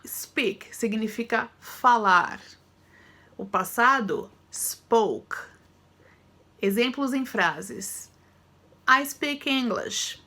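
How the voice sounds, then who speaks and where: A young woman teaches an English lesson, reading each word out clearly and with care. Her voice is bright and a little high. She takes her time.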